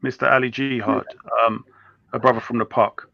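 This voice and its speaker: A man's voice: mid-range voice, flat delivery, normal speed, vocal fry, pushed and bright, no echo. Bloke on a panel making his point firmly, dry dull audio. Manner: assertive, repeats points. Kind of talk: casual debate, explaining.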